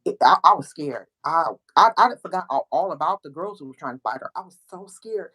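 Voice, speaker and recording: A woman hosting a casual chat, telling a story with lively acted-out quotes. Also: low voice, a little fast, slightly rough, rough recording. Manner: animated storyteller, acts out quoted voices. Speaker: host.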